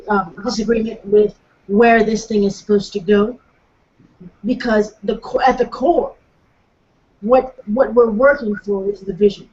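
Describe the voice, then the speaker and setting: A woman's voice: medium pitch, darkish tone, breathy edge, muffled recording. A woman guest in an online discussion, speaking thoughtfully and hesitantly with many fillers. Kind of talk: casual discussion.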